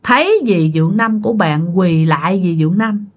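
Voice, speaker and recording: A woman's voice: fairly low pitch, moderate pace, a little mellow. A woman narrating a ghost story in a chatty way, talking straight to her listeners. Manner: chatty, addresses listeners directly.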